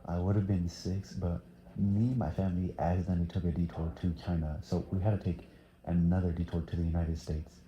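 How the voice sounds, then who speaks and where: A man's voice: sits low, flat delivery, brisk, dark tone, roomy sound, muffled recording. A teenage boy from Thailand answering interview questions casually, hesitant with many fillers. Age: teens.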